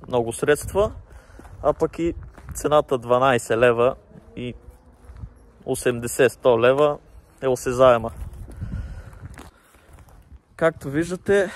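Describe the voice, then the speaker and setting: A young man talking through a face mask as he casually reviews gear, explaining things plainly with pauses and fillers. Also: medium pitch.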